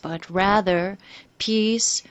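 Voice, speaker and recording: A woman giving a live interpretation of a speech, measured and pausing between phrases. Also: medium pitch, fairly even intonation, clear, resonant tone, no echo. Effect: live interpreter voice over a speech. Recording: dull lo-fi broadcast feed.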